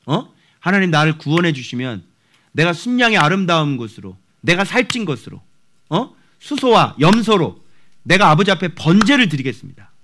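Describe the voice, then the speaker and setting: In a church, a male pastor in his forties gives an expository sermon at normal speed in a slightly high voice. He is animated, acting out voices and shouting.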